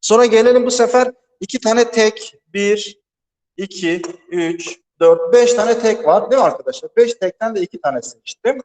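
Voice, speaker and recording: A man's voice: high-pitched, normal speed, darkish tone. A man teaching a math lesson alone in a large empty classroom, explaining step by step and checking in with his students, his voice echoing heavily off the walls. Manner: patient step-by-step explaining, keeps asking "right, friends?". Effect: strong echo of a big empty room. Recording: echoey empty hall.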